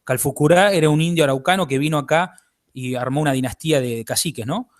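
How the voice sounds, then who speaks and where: A fast-talking man with a fairly high voice and an Argentine Spanish accent appears as a guest author in an interview. He explains things at length in a lecturing way, often pausing to ask "¿bien?"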